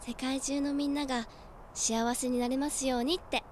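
A woman's voice: sits high, fairly even intonation, moderate pace, darkish tone, slight background noise, close to an everyday voice. A young woman playing a naive, dreamy schoolgirl heroine in a TV hero parody, childlike and earnest, in an echoey sound with music. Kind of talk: live-action TV hero parody acting.

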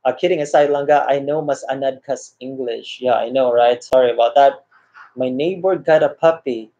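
A man in his 30s with a dark-toned, mid-range voice talks at normal speed to his live-stream audience. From a small room, he's friendly and quick to laugh, reading comments aloud and calling viewers by name. The laptop webcam mic yields a dull, lo-fi recording.

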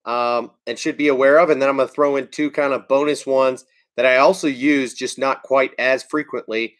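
A man in his thirties hosts a casual fishing livestream from home, chatting easily and greeting viewers by name. His voice is medium-pitched and a bit bright, with a steady tone at normal speed.

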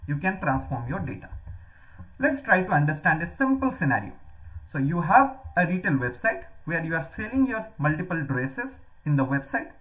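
A woman's voice: lowish voice, fairly bright tone, poor audio. A woman teaching a slide-based tech lecture, explaining each term step by step and often restating it with "that means". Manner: explanatory, repeats "that means", self-corrects. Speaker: cloud computing instructor. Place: voice-over on slides.

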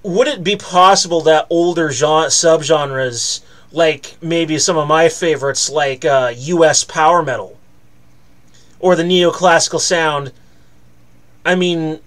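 Rambling man with a slightly high voice. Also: slow, a bit bright. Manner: rambling, self-mocking, hesitant fillers. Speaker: music reaction host. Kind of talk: casual reaction commentary.

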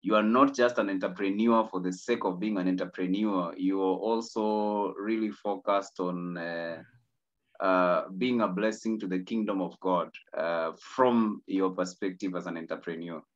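Low-voiced male host on dull audio. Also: fairly even intonation, moderate pace. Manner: encouraging, many hums of agreement. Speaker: interview host. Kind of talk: interview questions and backchannel.

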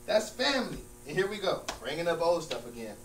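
A man's voice: on the high side, big pitch swings, brisk. A man acting out a smug, exasperated friend who mocks and corrects emphatically in a comedy scene. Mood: fed up. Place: large room with small stage, indoors. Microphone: far camera. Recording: distant, echoey room with hum and noise.

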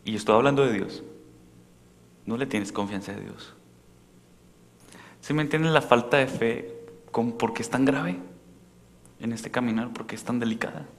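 Priest preaching in a reverberant church. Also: male voice, mid-range voice, moderate pace, long pauses. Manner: questions the congregation directly, shifting from loud to soft.

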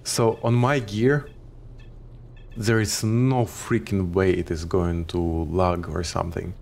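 Deep-voiced Ukrainian streamer. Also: male voice, slow pace, gravelly, a little hiss or hum. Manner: relaxed, swears offhandedly. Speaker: game streamer. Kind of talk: casual gameplay commentary.

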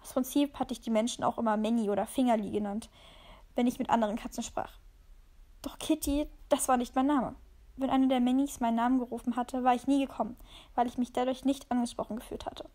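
A woman reading a fan story aloud with expressive first-person storytelling. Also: fairly high pitch, brisk. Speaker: story reader.

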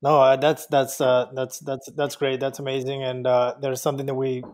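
A man hosting a podcast interview, talking loosely with halting restarts. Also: medium pitch, completely flat delivery, darkish tone. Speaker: podcast host. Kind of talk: casual interview chat.

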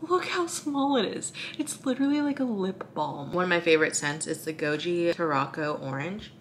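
A young woman in her twenties from California chats to the camera in a home kitchen. Her voice sits a little low for a woman, and she keeps things casual and upbeat. A steady hiss of background noise runs under it. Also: moderate pace. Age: 20s. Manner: chatty and upbeat, talking to the camera. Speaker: vlogger. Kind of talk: casual vlog chat. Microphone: camera close to the face.

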